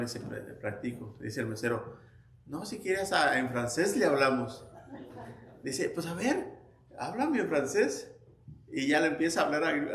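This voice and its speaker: In an echoey church room with faint ambience, a man leads an informal Bible class for Sunday school, telling anecdotes in a conversational, storytelling way. He quotes people in his stories and often restarts his sentences. His voice is mid-range with vocal fry, and the recording has a little hiss or hum.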